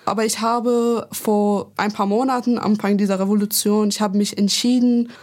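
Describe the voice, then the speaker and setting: A woman's voice: medium pitch, steady tone, normal speed, darkish tone. A woman in her twenties from Iran, a podcast guest, who speaks German with small slips and some hesitation. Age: 20s. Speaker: guest, activist. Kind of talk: podcast interview.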